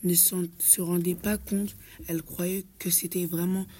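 A woman's voice: lowish voice, little pitch movement, measured pace, mellow, a little hiss or hum. A woman reading a fairy tale aloud carefully, with a few small slips.

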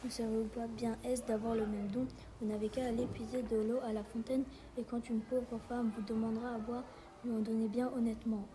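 A woman reading a mother's lines from a fairy tale aloud in a flat way. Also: on the high side, a little fast, a crowd in the background, low-quality recording.

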